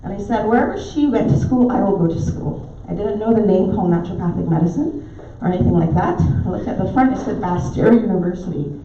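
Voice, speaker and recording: A woman's voice: mid-range voice, animated, quick pace, few pauses. Barbadian lady giving a talk in a pub, storytelling, roomy echo, faint hum behind. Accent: Barbadian, softened by years in the US. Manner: warm storytelling with filler ums. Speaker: guest speaker, naturopathic doctor. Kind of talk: talk at a club meeting. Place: pub dining room. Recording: echoey, dull, distant room recording.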